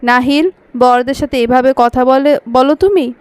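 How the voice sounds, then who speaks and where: A woman voicing a father on a phone call who corrects his son firmly and then coaxes him gently. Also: sits high, steady tone, moderate pace, clear, resonant tone, no room sound, close to an everyday voice. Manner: firm, then coaxing.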